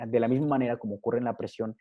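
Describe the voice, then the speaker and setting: A man giving a recorded physiology lecture over slides, halting, with many fillers and tag questions. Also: mid-range voice, steady tone, narrow, tinny audio.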